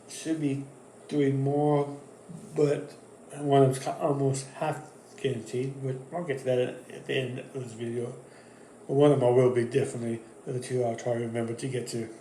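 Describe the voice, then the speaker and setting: A man's voice: medium pitch, mellow, a little hiss or hum. A man hosting his own wrestling channel, giving casual predictions in a loose, rambling way full of fillers and restarts. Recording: echoey room.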